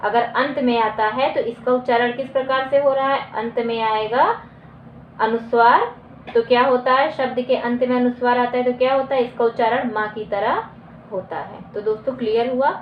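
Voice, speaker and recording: A woman teacher with a somewhat high voice walks her students through a grammar lesson. She asks questions and answers them, and she repeats definitions slowly. The recording is lo-fi and roomy, with a faint hum behind her. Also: fairly even intonation. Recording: echoey dull lo-fi room recording.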